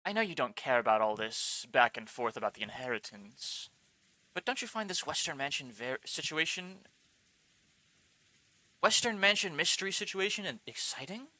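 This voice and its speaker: A man's voice: a little high, very animated, normal speed, pushed and bright, no room sound, full character voice, rough recording. A man reading the lines of a shrewd, composed middle-aged woman in a visual novel, in a coaxing, level voice.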